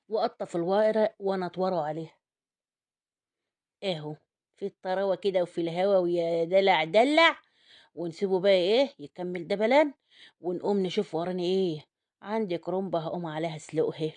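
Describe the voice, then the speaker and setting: A woman with an Egyptian accent, a home cook taking food orders, chatting through a casual cooking vlog. She talks straight to her viewers and turns loud and indignant over food prices. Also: lowish voice. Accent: Egyptian Arabic.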